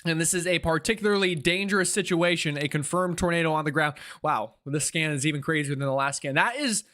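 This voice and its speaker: A man with a fairly high, very bright and forceful voice gives live storm coverage. He sounds urgent and excitable, thinking aloud in an informal way as the host of a weather stream.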